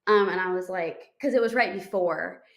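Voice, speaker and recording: With a fairly low voice at normal speed, a young podcast co-host recounts a story in a casual, chatty way, using lots of fillers and starting phrases over.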